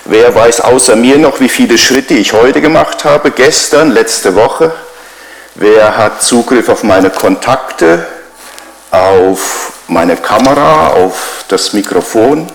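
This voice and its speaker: A man's voice: mid-range voice, expressive, slow pace, vocal fry, reverberant, poor audio. A middle-aged man giving a conversational sermon as a pastor, driving his points home with repeated rhetorical questions.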